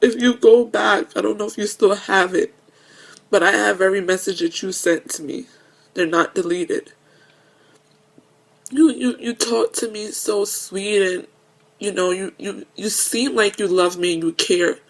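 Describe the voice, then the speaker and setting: Woman vlogger, emotional confessional monologue, earnest, halting delivery with restarts. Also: medium pitch, gravelly. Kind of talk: confessional video message.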